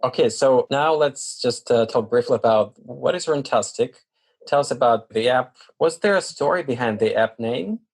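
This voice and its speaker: A man hosting an interview podcast, measured and asking questions with brief "uh" fillers. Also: mid-range voice, creaky. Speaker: podcast host.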